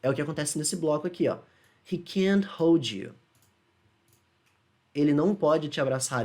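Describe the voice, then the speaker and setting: Brief: male Brazilian Portuguese speaker, relaxed online English tutor, talks casually, stops to check understanding, slows for example phrases. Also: a little high. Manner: chatty, asks checking questions, slows to demonstrate English phrases. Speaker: English teacher. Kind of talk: casual explanatory lesson.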